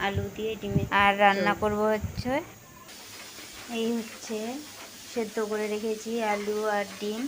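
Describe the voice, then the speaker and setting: A woman's voice: medium pitch, monotone, normal speed, noisy background. A woman chatting casually through her daily chores for a home vlog, recorded in her kitchen. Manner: chatty, talks while doing chores. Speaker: vlogger.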